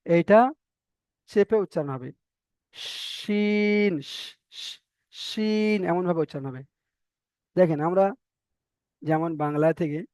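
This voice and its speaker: A man's voice: a little high, a little mellow, no echo. Patient man drawing out letter sounds. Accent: Bengali. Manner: patient, drawn-out demonstrations of each letter sound. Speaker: Quran reading teacher. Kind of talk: slow letter-by-letter Arabic alphabet lesson.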